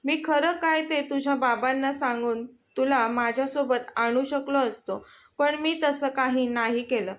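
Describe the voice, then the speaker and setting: A woman's voice: sits high, a little slow. A woman voicing a young male company boss who earnestly pleads with the woman he loves. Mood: tender.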